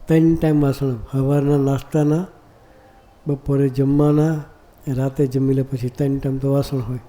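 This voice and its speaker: A man delivers a devotional sermon in a deep, mellow voice. His pitch stays steady and level, and he keeps turning to the audience with rhetorical questions. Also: normal speed. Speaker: monk preacher. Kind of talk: devotional discourse.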